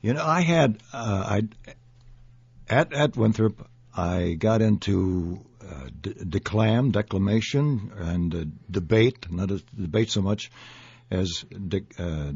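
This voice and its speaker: An older man from Minnesota, reminiscing haltingly in an interview and searching for words. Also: lowish voice, lively intonation, darkish tone, husky, no room sound. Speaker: interview guest. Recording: dull, dry lo-fi recording.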